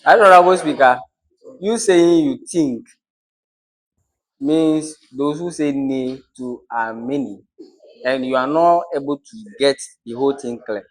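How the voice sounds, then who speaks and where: A man's voice: mid-range voice, measured pace, rough recording. A man speaking as a majority leader in parliamentary debate, insistently repeating phrases and pressing on through interruptions.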